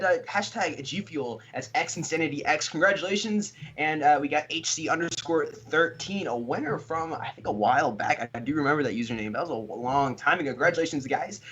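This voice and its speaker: A man's voice: a little high, a bit bright, husky. An American man moderating an esports livestream, announcing giveaway winners in an upbeat, casual way. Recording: slightly dull lo-fi stream audio.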